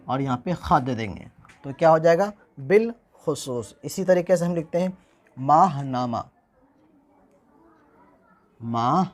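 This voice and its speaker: A man's voice: fairly high pitch, moderate pace. A man teaching how to write words, spelling them out letter by letter and repeating each word as he goes. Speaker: Urdu writing teacher. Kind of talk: spoken writing lesson.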